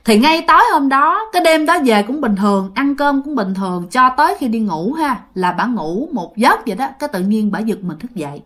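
A woman's voice: a little high, lively intonation, fairly quick, hardly any pauses, a bit bright. A woman with a Southern Vietnamese accent telling a ghost story in a chatty way, addressing her listeners directly.

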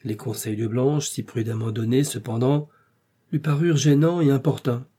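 Reading aloud from a classic novel, this male audiobook narrator keeps a steady, measured pace in a slightly rough, medium-pitched voice.

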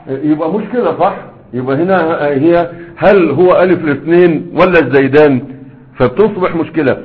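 A man with an Egyptian accent teaching an Arabic grammar lesson, constantly quizzing his students with rhetorical questions and drilling examples one by one. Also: fairly high pitch. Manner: slow, repeated drilling of examples. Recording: echoey room over a thin phone-like line.

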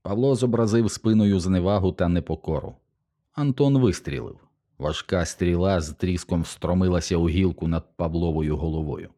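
A man narrating an audiobook in a steady, measured way. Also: low-pitched.

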